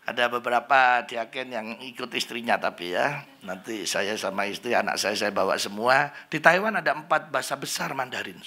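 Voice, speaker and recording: A man's voice: mid-range voice, a little fast, bright, forceful tone. A middle-aged man preaching a humorous sermon in a church, chatty and joking. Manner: chatty, joking, slips into Javanese, mimics Chinese greetings. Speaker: pastor. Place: church hall.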